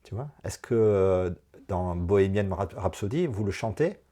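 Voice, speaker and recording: A man coaching a woman through a personal session, animated and encouraging, talking in quick bursts. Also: low voice. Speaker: enneagram coach.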